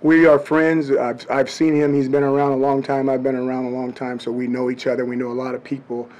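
A middle-aged man, a head football coach, giving blunt, measured answers at a postgame press conference into table microphones. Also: medium pitch, little pitch movement, darkish tone, lo-fi sound, slight background noise. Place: press room before a branded backdrop.

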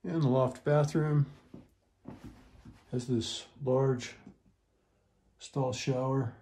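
A man's voice: medium pitch, fairly even intonation, extremely slow, dark tone, breathy edge. A man walking through a home as a real estate agent, listing features in short, clipped phrases. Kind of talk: property walkthrough narration. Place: indoors, walking through a wooden townhome.

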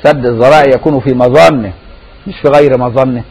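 A man's voice: medium pitch, steady tone, fast, a little mellow, husky, poor audio. A man with an Egyptian accent giving a religious lesson, conversational and often checking his listeners' understanding with rhetorical questions. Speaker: Sufi scholar teaching a lesson.

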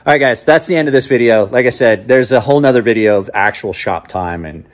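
A tired man in his 40s hosts a knife channel, talking fast at a medium pitch in a rambling, casual way. He's exhausted, filming a vlog on a phone held at arm's length, starting in a small cluttered office and moving into a large workshop.

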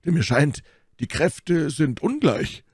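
A hot-tempered, blustering musketeer talks loudly and with heavy emphasis, as a male reader puts him on. His voice swings widely in pitch and sounds dry and close. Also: big pitch swings, moderate pace, no room sound. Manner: loud, emphatic.

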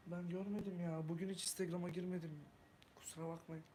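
A man from Turkey hosting a casual live stream, chatting with viewers, greeting them warmly and reading comments while he cooks. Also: high voice, flat delivery, fast talker, crowd noise. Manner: talks while cooking.

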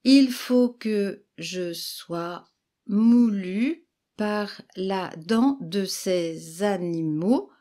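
Woman doing a little girl reading haltingly. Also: medium pitch, dark tone. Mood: solemn. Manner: slow halting schoolchild reading. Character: little orphan girl reading aloud syllable by syllable.

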